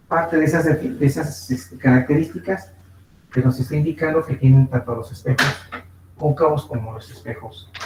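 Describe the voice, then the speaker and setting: A man with a Mexican Spanish accent teaches a physics lesson in a slightly high voice, pausing to check that his students follow. He sounds far from the mic in an echoey room, with faint noise behind him. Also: darkish tone. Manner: slow, repetitive explaining with frequent fillers and check-ins. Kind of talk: online class lecture.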